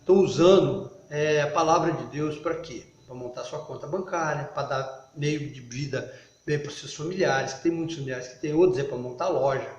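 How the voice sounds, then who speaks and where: A man preaching an informal video sermon in a fairly high voice, stumbling and restarting as he goes. He climbs into loud, emphatic bursts. The sound is muffled and rings with room echo. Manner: halting, frequent restarts. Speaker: lay preacher. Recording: echoey, muffled recording.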